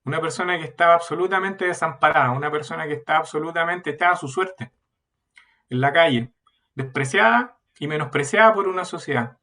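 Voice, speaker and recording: Guy preaching a sermon, pretty high voice, mic kinda far off, gets earnest and loud.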